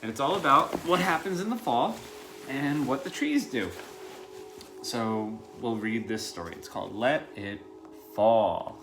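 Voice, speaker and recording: Against a noisy background, a man in his thirties reads a picture book aloud in his living room, speaking as a preschool teacher would to young children, directly and simply, with questions and easy explanations. His mid-range voice is expressive and unhurried.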